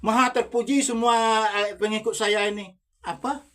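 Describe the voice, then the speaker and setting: A man's voice: sits high, steady tone, normal speed, a bit bright. A man preaching as a self-styled religious teacher in a monologue, insistent and repetitive, firing rhetorical questions at the listener.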